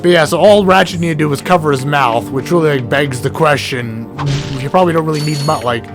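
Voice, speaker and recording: A young man rambles through casual gameplay commentary, chatty and self-deprecating. His voice sits slightly high. Game music plays clearly beneath him. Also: a little fast. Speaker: let's play gamer.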